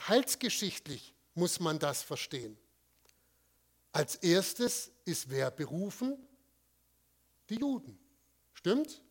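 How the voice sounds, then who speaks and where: Male preacher with a high voice; emphatic delivery, answers his own rhetorical questions, leans hard on key words. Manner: stresses single words with pauses. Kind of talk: sermon with slides.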